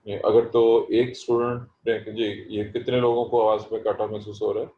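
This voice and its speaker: Deep-voiced man lecturing in a roomy, muffled recording. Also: level tone. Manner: slow, explanatory, stresses pronunciation. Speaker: botany professor. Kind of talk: online lecture.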